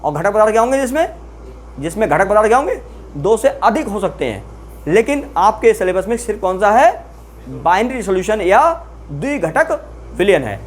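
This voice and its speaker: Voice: mid-range voice, big pitch swings, a little hiss or hum. Drilling, question-asking chemistry teacher. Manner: quizzes students with repeated questions, calls them "beta"; repeats key terms slowly for emphasis. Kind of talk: classroom lecture.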